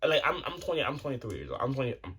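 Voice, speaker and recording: Talking straight to camera, a twenty-something male vlogger rambles on to his viewers with plenty of swearing, fillers, and false starts. He speaks in a rapid-fire, sing-song way, his mid-range voice fairly bright and slightly rough.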